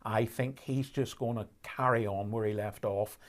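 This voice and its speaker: A man commentating on a rally live stream, explaining conditions in a measured way with fillers and restarts. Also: fairly low pitch, fairly even intonation.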